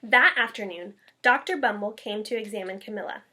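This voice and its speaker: A woman's voice: mid-range voice, fairly quick, bright, forceful tone. A woman teacher reading a children's picture book aloud with expression.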